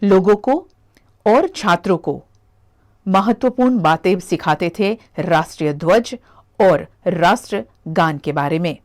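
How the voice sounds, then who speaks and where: Low-voiced woman reading a news report. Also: darkish tone. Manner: measured, formal narration. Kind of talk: scripted news voice-over.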